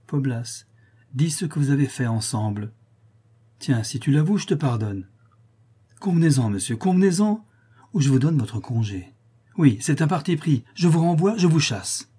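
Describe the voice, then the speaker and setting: A man's voice: mid-range voice, normal speed, dark tone, husky, close to an everyday voice. A man reading aloud, voicing a jealous, furious young countess with an imperious, scolding manner. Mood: accusing.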